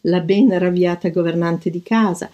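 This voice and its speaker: An older woman talks slowly and thoughtfully, often stopping on soft fillers between phrases. Her voice sits somewhat low and sounds mellow and warm. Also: fairly even intonation, muffled recording. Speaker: design commentator recalling an artist. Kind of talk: reflective talk with read-aloud passages.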